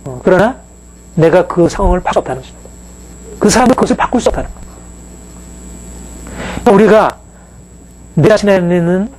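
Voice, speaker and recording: Higher-voiced male pastor preaching. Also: lively intonation, a little fast, pauses often, a little mellow, poor audio. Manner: conversational preaching with frequent fillers and rhetorical questions. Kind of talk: sermon.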